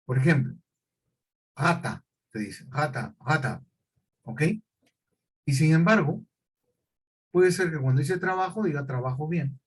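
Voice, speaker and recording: A man with a slightly high, husky voice lectures to a class. He explains step by step at a deliberate pace, pausing to ask his students whether they follow. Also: low-quality recording. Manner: questioning, repetitive explanations with check-ins. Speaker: teacher.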